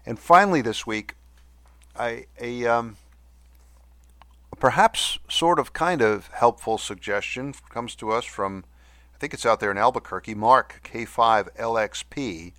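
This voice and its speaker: A man hosting a podcast in a casual, halting, good-humoured monologue, with a whistle on his S sounds. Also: medium pitch, fairly bright tone, no echo. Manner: halting, with good-humoured self-deprecating asides. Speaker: podcast host. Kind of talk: casual monologue reading listener mail.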